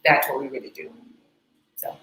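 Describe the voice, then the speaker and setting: A woman appearing as a guest on a relaxed talk show, friendly and a little bashful. Her voice is bright and crisp. It is recorded in a roomy, echoey space. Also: moderate pace, a little hiss or hum. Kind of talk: casual podcast chat.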